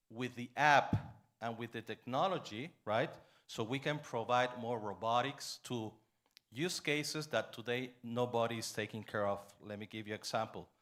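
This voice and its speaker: A man's voice: medium pitch, fairly bright tone. Audience member, man, enthusiastic and wordy questioner. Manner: enthusiastic, wordy, adds "right?". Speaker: audience member, startup robotics head. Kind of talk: conference Q&A.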